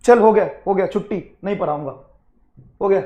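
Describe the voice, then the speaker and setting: A physics teacher scolding his class in an angry, sarcastic and blunt way, with sudden loud bursts. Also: sits high, brisk, dull audio.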